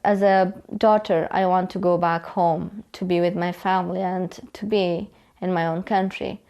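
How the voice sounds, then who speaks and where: A woman's voice: lowish voice, fairly even intonation, normal speed, mellow. A woman speaking as an interviewee in a news report. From Afghanistan.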